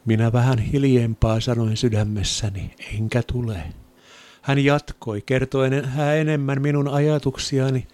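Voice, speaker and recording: A man giving an earnest, reflective spoken testimony of faith, sometimes dropping to a soft near-whisper. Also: medium pitch, fairly even intonation, hardly any pauses. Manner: earnest, reflective storytelling with quoted inner thoughts.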